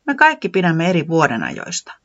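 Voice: medium pitch, muffled recording. A storyteller voicing a bubbly, bossy garden creature who loves spring, in a children's storybook reading. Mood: excited. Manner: bright, bossy, excited.

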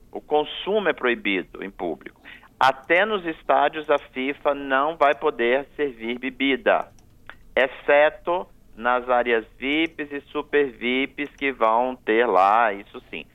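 A man, a guest on a radio talk show, giving firm, repetitive explanations of travel rules. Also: mid-range voice. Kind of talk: radio interview. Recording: tinny phone line on radio.

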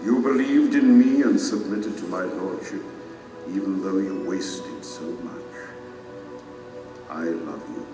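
A man's voice: sits low, takes it slowly, distant mic. An actor playing a majestic, merciful king who judges solemnly and proclaims in formal, stately speech in an audio drama. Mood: solemn, benevolent. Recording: cavernous echoing hall, music underneath.

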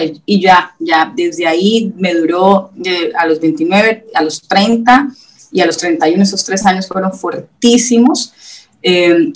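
A woman's voice: on the low side, recorded from a distance, low-quality recording. A woman in her thirties tells a personal faith testimony in an interview, speaking earnestly and emotionally, often acting out what she and others said. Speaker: interview guest.

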